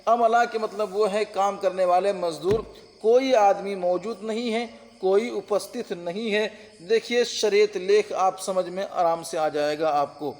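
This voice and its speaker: Slightly mellow and sitting high, this man's voice carries a big-room sound. As an Urdu-Hindi translation teacher, he gives an online exam-prep class on translation, repeating terms patiently and making sure listeners keep up.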